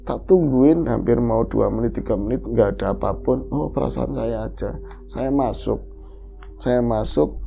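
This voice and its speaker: Gravelly woman telling a ghost story. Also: extremely low pitch, a little slow, faint music behind. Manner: lively first-person storytelling with voiced quotes. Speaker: horror story podcast host. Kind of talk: retelling a listener's ghost story.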